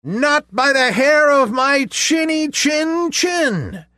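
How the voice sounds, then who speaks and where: A man voicing a plucky little pig in a storybook reading, high and squeaky. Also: animated, takes it slowly, pushed and bright, no echo, clean studio sound, full character voice. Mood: defiant.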